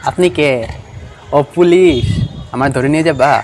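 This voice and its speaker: A man's voice: on the high side, moderate pace, a little mellow, a little hiss or hum, close to an everyday voice, rough recording. A young man playing a fumbling fellow who hesitantly makes up excuses. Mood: evasive.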